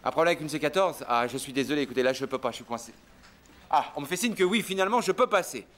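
A man playing a boastful, joking top salesman in a sitcom office scene, quick to turn crude and shout. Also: a little high, expressive, slight background noise. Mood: scheming. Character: brash joking male salesman, loud and crude. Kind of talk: sitcom acting. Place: office by a coffee machine.

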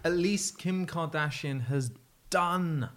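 A man's voice: a little high, takes it slowly, a bit bright. Opinionated man in casual chat. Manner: opinionated, trailing off and repeating words. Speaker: podcast host.

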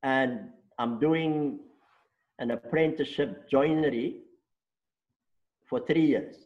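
In an interview, a South African man in his sixties whose first language is Afrikaans tells his life story at length, checking in with rhetorical questions. His mid-range voice moves slowly, and the recording sounds muffled.

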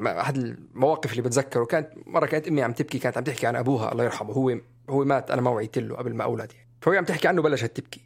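Young male podcast co-host, animated and talkative, lively pitch. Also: gravelly, slightly rough. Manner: animated, chatty, jumps up in pitch when stressing points. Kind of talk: casual conversational podcast.

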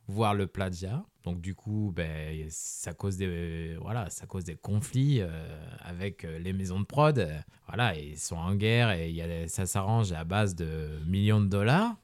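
A man's voice: low-pitched, no room sound, clean studio sound. Hesitant man hosting a casual podcast. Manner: hesitant, many filler sounds and restarts; relaxed, conversational. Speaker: podcast host. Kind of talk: casual explanatory podcast talk.

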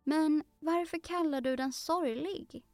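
A woman's voice: sits high, darkish tone, no echo, faint music behind, voice pushed up. A woman voicing Alice, a curious, polite young girl who talks earnestly and eagerly in a storybook.

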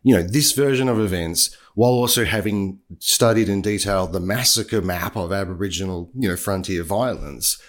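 A man's voice: deep voice, moderate pace, hardly any pauses. A young man, a writer and podcast co-host, talking in an earnest, reflective way with frequent restarts. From Australia. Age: young adult. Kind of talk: casual chat.

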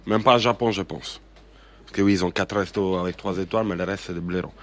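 A man's voice: low voice, fairly even intonation, fast talker. A man from Sardinia, a chef giving strong opinions as a guest in a radio interview. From Sardinia, Italy. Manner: emphatic, opinionated, with many hesitations.

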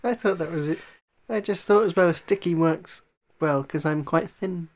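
A man's voice: a little high, normal speed. A man co-hosting a podcast, easygoing and teasing, joking along in casual chat. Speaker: podcast co-host.

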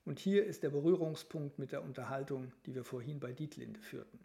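A man voicing an ailing grand duke, the older brother, who speaks in a formal, tired and measured way in a novel reading. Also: mid-range voice, vocal fry, warm tone, natural voice. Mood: weary formal.

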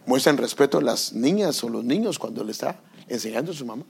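An older man preaching a sermon as pastor, animated and acting out parents and children in little scenes. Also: mid-range voice, fast talker, vocal fry, husky.

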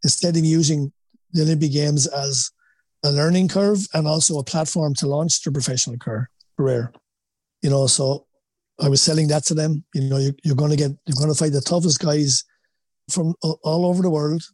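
A man's voice: on the high side, steady tone, moderate pace, darkish tone, no echo. A man with an Irish accent from Wexford, a boxing coach answering interview questions conversationally, often repeating points and adding "you know". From Wexford, Ireland. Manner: peppers talk with "you know", emphatic repetition. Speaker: boxing coach, former boxer.

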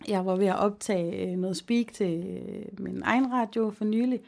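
A woman's voice: mid-range voice, fairly even intonation, gravelly, darkish tone. Woman radio host, casual podcast banter, teasing. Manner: teasing, quick quips. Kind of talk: casual chat.

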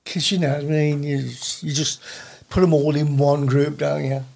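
A man's voice: fairly high pitch, little pitch movement, measured pace, vocal fry, a little mellow. A middle-aged man co-hosting a podcast, laid-back in casual comedy banter, often trailing off into short mumbled replies. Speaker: podcast co-host.

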